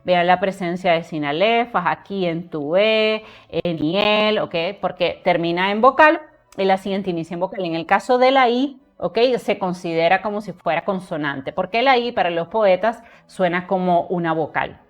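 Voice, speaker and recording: Low-voiced woman teaching poetic meter. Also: moderate pace, faint music behind. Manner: counts syllables aloud, addresses viewers directly. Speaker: literature teacher. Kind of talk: recited poem, then lesson.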